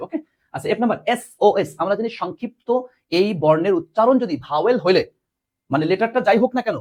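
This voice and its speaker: A man teaching a live online class, repeating words and quizzing students. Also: sits high. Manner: animated, repeats words, asks students questions.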